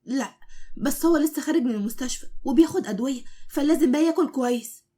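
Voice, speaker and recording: A woman with an Egyptian Arabic accent voicing a sharp-tongued, stubborn young wife who scolds her husband and her brother. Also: sits high, fast talker, close to an everyday voice. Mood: sassy. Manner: sassy, scolding.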